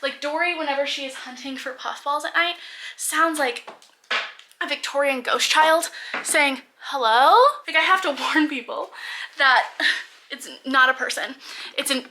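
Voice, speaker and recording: A young woman with a high, bright voice talks casually to the camera about what she has been reading. She rambles in a chatty way, full of "like" fillers and side tangents. She is recorded at home on the camera mic. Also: fairly even intonation, normal speed. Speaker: book vlogger.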